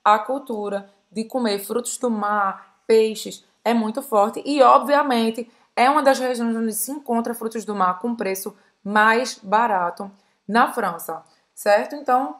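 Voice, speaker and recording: A woman's voice: on the high side, unhurried, fairly bright tone. A woman with a Brazilian Portuguese accent hosting a casual language lesson, explaining things chattily and checking in with her listeners. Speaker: host, language teacher. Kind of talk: casual teaching chat.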